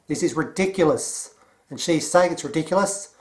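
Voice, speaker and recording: A man with an Australian accent giving a mocking, deadpan commentary. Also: on the high side, normal speed. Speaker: commentary vlogger. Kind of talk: sarcastic commentary.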